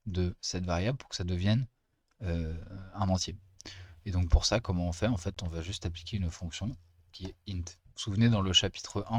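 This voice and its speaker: A teaching assistant talks through programming exercises in a relaxed, chatty way, pausing often as he thinks. His voice sits very low. The sound is dry and close, with no room echo. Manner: casual, chatty explaining with frequent pauses. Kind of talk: screen-recorded coding lesson.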